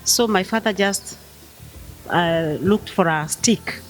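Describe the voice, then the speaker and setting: A woman's voice: on the low side, slow, soft background music. A woman, sharing her life story in a hesitant, plain way. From Tanzania. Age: 50s. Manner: hesitant, plain, with Swahili words mixed in. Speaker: guest sharing testimony. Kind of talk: personal testimony interview.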